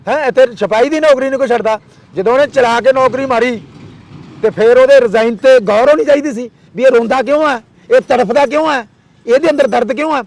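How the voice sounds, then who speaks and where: Guy ranting in an interview, really high voice, dry close sound, keeps firing questions. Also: dry recording. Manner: fiery, rhetorical, repeats demands in rapid lists. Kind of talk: impassioned political interview.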